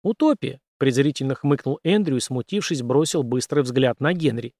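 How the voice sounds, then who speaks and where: A man narrating a story in a measured storytelling manner. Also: mid-range voice, a little mellow, dry recording, studio quality. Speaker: audiobook narrator. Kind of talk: scripted narration.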